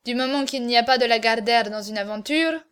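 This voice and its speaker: A boisterous male swordsman from Gascony, all bluster and loud exclamations, voiced by a woman reading a novel aloud. His lines come out raised and emphatic, pitched fairly high. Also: a little fast, smooth, natural voice.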